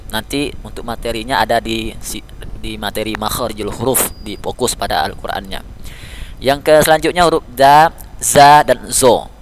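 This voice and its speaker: A man teaching tajweed, repeating letter sounds slowly and patiently, speaking as a father figure to his pupils. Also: medium pitch, background noise. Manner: calls listeners "nak", speaks as a father figure. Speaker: Quran recitation teacher. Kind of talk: tajweed lesson.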